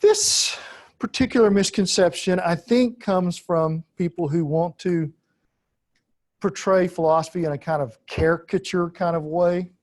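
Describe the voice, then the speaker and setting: Halting, deliberate male philosophy lecturer. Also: high voice. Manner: deliberate, halting with frequent "uh" fillers, repeats key phrases for emphasis. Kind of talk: unscripted lecture.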